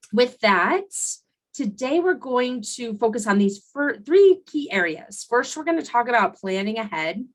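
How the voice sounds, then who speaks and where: On her solo coaching podcast, a woman host and consultant coach talks conversationally with many fillers and restarts. Her medium-pitched voice is recovering after laryngitis.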